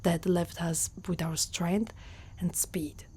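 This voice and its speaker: A woman from Italy voices a female centaur warrior, an older, battle-worn guardian who is protective and haunted by loss. The exaggerated voice is hushed, breathy and low, with little pitch movement. Her gentle, slow, earnest delivery has a soft, mellow, reflective and somber tone suited to whispered ASMR roleplay.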